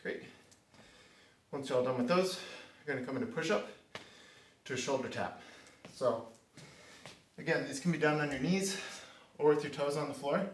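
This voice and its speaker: A man's voice: fairly high pitch, normal speed, pauses often, a little hiss or hum. A man teaching a live bodyweight workout, giving short exercise cues and catching his breath between sets. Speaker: fitness instructor. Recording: echoey room, mic at a distance.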